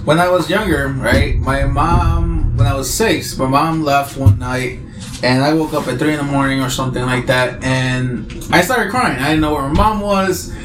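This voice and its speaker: A man's voice: medium pitch, normal speed, over music. A man from Oaxaca, Mexico, a guest chef, telling his story in a laid-back way, full of "you know.". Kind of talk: casual interview chat. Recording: echoey room, clear background noise.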